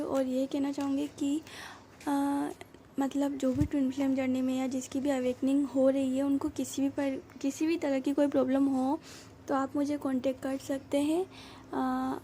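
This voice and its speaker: A tarot reader with a high, level voice speaks at a moderate pace, somewhat quietly, over a faint hiss or hum. She gives her viewers a casual, chatty reading, reassuring them and loosely sprinkling in filler sounds.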